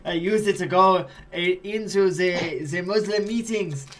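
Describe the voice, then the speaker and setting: A man's voice: high-pitched, measured pace, a little hiss or hum. A man voicing a bigoted male spy in a put-on New York accent, rambling and conspiratorial.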